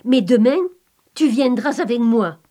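A woman voicing an exasperated, practical grown man who sounds gruff and resigned. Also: on the high side, measured pace, warm tone, natural voice. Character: exasperated practical male cousin, a craftsman.

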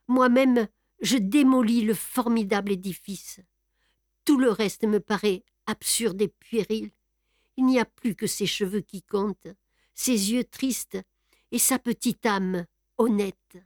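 A woman reading aloud and voicing a proud, boastful male gentleman thief in a storybook. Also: on the high side, expressive, takes it slowly, no echo, studio quality. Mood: hushed tender. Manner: grandiose, boastful, then hushed and tender. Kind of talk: audiobook reading.

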